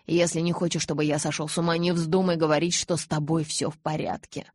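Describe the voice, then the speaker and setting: A woman's voice: little pitch movement, brisk, darkish tone, breathy edge, no echo, clean studio sound. A woman reading an audiobook, voicing a brooding young male vampire who speaks in a cold, clipped way. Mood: icy. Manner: icy, clipped, low-spoken.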